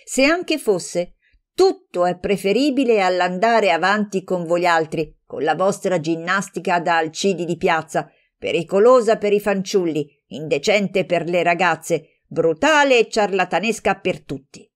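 A woman reading an audiobook, voicing a resentful, hot-tempered woman who argues in heated, sharp bursts. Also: mid-range voice, measured pace, natural voice. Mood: scornful. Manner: heated, sharp, rising to shouts.

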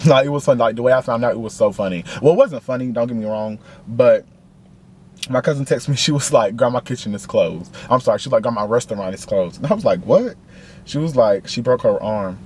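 An excitable young man with a drawl talks straight to his handheld camera while driving, swearing freely and getting worked up. His voice sits at an ordinary middle pitch. Car and street noise come through clearly behind him. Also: brisk. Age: young adult. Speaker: vlogger. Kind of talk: casual vlog while driving. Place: in a car driving around town. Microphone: handheld compact camera.

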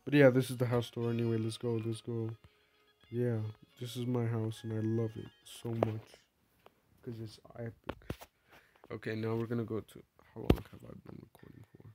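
A man's voice: mid-range voice, completely flat delivery, moderate pace, over loud music. Rambling young guy narrating a game, sick. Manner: rambling, playful, self-mocking. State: sick, coughing. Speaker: gaming vlogger. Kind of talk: casual game commentary. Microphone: phone screen recording.

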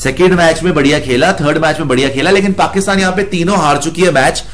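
A man's voice: a little high, fast, a bit bright. A man hosting a casual cricket discussion, blunt and mocking in his banter. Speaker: cricket show host.

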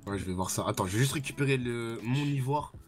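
A man talking through a voice changer, in slangy, relaxed banter as a fellow player on a gaming stream. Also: mid-range voice, fast, soft background music. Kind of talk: casual gaming chat.

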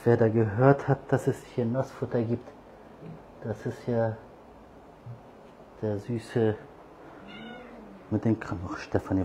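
A man's voice: mid-range voice, a little mellow, slight background noise. A man talking casually to street cats as he feeds them outdoors, coaxing and scolding them with a rising, sing-song voice when he calls them over. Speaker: cat feeder and channel host. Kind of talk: casual talk to cats while feeding.

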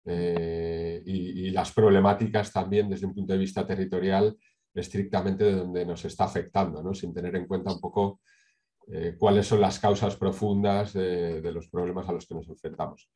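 A middle-aged man from Spain presenting a project over a video call, speaking in a measured way with many hesitations and tag questions. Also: low voice, flat delivery, mellow. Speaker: sustainability consultant presenting a project. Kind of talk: online conference talk with slides. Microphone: webcam on a video call.

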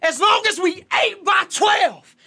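A man with a Southern US country accent performing aggressive battle rap, shouting his bars at a live event. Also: extremely high pitch, lively intonation, measured pace, creaky. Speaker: battle rapper.

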